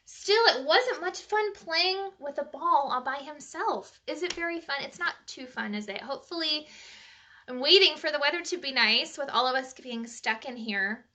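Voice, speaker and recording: Reading a bedtime story aloud in a high voice, a woman keeps things lively and conversational for the children. She pauses now and then to ask them questions.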